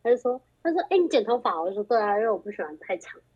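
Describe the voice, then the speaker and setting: A young woman with a husky, mid-range voice talks very fast as a guest in a casual chat, telling a story and animatedly acting out the quoted lines. She's heard over a group phone call, and the call audio is muffled and lo-fi.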